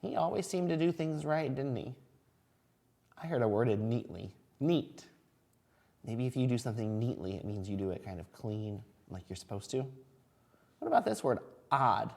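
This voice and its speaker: A man's voice: medium pitch, animated, normal speed, vocal fry, a little mellow. A man teaching kindergarten reading, reading a picture book aloud expressively as if to a toddler and asking simple questions along the way. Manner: asks the listening children simple questions. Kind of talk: animated picture-book read-aloud for young children.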